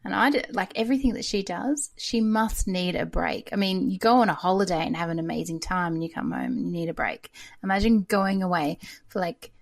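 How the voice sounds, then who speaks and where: A woman's voice: lowish voice, brisk, creaky, few pauses. A woman co-hosting a podcast, chatting in a sympathetic, easygoing way. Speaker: podcast co-host. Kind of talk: casual podcast chat.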